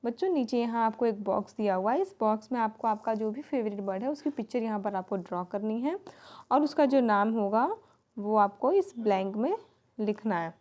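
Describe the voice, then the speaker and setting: A woman's voice: on the high side, a little mellow. A woman teacher explaining a children's lesson, spelling words out letter by letter. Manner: reads English lines slowly, spells words letter by letter.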